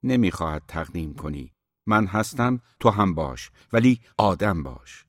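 A hot-headed younger brother in an audiobook, quick to quarrel and blunt in his demands, as a male reader voices him. The voice is low and dry, with combative force behind it. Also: animated, no echo. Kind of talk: audiobook reading.

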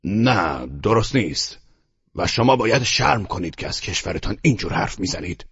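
A stern older general barks curt, scolding rebukes, as a man reading the story puts him on. The voice is a little husky and the audiobook recording sounds dull and lo-fi. The sound is dry and close. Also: lowish voice, big pitch swings, fairly bright tone, no echo, pitched below the performer's own voice, heavily acted.

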